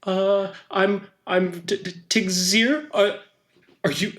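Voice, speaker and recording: A man plays a nervous, fussy male official. He stutters over his words and pleads politely, pitched above his own voice. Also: steady tone, takes it slowly, a bit bright. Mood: anxious. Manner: stammering, anxious.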